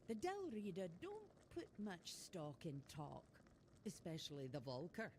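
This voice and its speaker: A woman's voice: on the low side, darkish tone, slight background noise. Merry, swooping older village shopkeeper woman. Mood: charmed, wistful. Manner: teasing, folksy, chuckling storyteller. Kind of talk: video game character dialogue.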